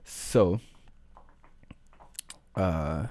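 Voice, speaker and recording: A man's voice: deep voice, very slow, mellow. A man hosting his own podcast, rambling in loose, slangy casual chat with lots of filler words. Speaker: podcast host.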